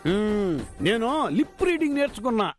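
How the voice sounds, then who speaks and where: An actor playing a hard-of-hearing older father, loud, scolding and comic, over background music. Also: high voice, lively intonation, brisk. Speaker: bride's father.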